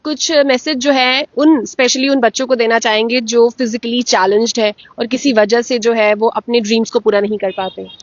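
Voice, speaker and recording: Soft-spoken woman interviewer. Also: a little high, fairly even intonation, normal speed, hardly any pauses, dry recording, lo-fi sound. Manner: brief soft acknowledgements, polite questions. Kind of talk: casual interview.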